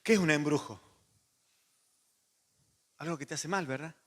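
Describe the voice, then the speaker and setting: A man, a pastor preaching a sermon, animated and moving between loud emphasis and soft asides. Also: on the high side, unhurried. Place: church hall. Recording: long church reverb.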